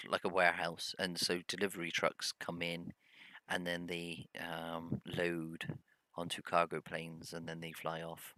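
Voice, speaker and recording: A man's voice: sits low, bright, forceful tone, no echo. A man casually commenting on his own gameplay, rambling with many hesitations and humming to himself. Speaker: gameplay video host. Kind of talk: casual let's-play commentary.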